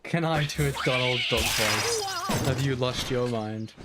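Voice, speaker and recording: A man's voice: medium pitch, measured pace, a loud crowd. A man giving casual commentary as he streams a video game.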